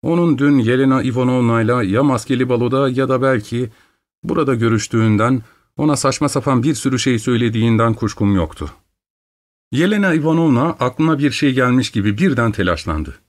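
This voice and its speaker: A man's voice: mid-range voice, dry recording. Man reading a story aloud. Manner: measured, expressive storytelling. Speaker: audiobook narrator. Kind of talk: scripted first-person narration.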